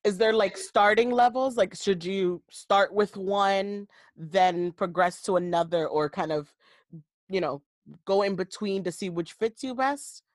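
A woman co-hosting a podcast, asking curious, halting questions full of "like". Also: mid-range voice, dry recording, studio quality. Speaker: podcast co-host. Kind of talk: podcast conversation.

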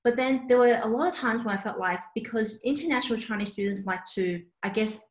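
This interpreting student, a young Australian woman who grew up speaking Cantonese, talks a little fast in a slightly high voice. She tells animated stories in a chatty, filler-heavy way, and the room echoes noticeably.

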